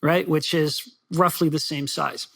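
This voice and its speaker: A man who grew up in the Netherlands and Belgium, a soccer writer being interviewed, talking quickly and casually with fillers and restarts. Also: a little high, steady tone, creaky, fairly bright tone. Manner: fast, chatty, with many fillers and restarts. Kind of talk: podcast interview.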